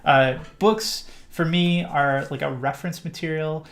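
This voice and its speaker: A middle-aged Canadian man hosts a live stream, fielding viewer questions in a loose, rambling way full of fillers and restarts. His voice is a little high, gravelly and fairly bright, with a steady tone and an unhurried pace.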